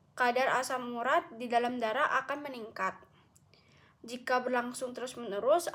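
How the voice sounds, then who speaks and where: A woman's voice: fairly high pitch, fairly bright tone. A young woman, a medical student, giving a recorded class presentation, reading carefully and correcting herself often. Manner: careful explanatory reading with frequent self-corrections.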